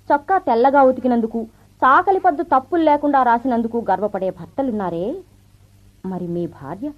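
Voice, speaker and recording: Confident officer wife, old radio show, teasing, brisk, slightly high voice, thin phone-like broadcast sound. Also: female voice. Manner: brisk, self-assured, teasing speech with light laughs. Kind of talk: 1970s radio drama acting.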